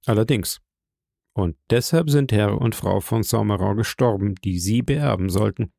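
A man playing a calm, commanding nobleman in an audiobook reading, measured and solemn. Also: lowish voice, vocal fry, no room sound. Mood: grave.

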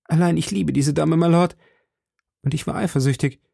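A passionate young swordsman pleads in a raised, gravelly voice, voiced by a male reader. The recording is dry and close. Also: a little high, moderate pace, warm tone, dry recording, voice pushed up, full character voice. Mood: pleading.

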